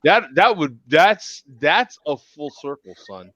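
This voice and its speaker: A man in his fifties hosts a casual live web show over video call, joking with and teasing his regulars. His voice is on the high side, very animated, slow-paced and a bit bright, recorded dry, and he repeats words when he gets going.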